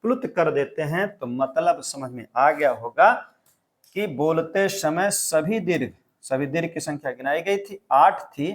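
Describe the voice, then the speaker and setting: A man's voice: fairly high pitch, lively intonation, a little slow. A male teacher giving an exam-prep lecture, explaining step by step and repeating key points.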